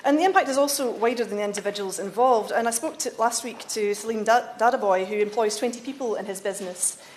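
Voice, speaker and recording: Fast-talking woman making an earnest parliamentary speech. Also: on the high side, darkish tone, roomy sound, a little hiss or hum. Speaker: member of parliament leading a debate. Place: debating chamber.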